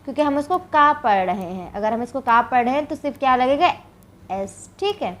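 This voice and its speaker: This classroom English grammar lesson comes from a woman from India whose high, slightly bright voice has lively intonation at normal speed. Step by step, she raises questions and answers them, regularly checking in with "ठीक है."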